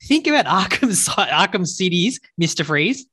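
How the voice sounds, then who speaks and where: A man co-hosting a gaming podcast in casual chat, sarcastic and excitable, often laughing. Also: high voice, normal speed, husky. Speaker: podcast co-host.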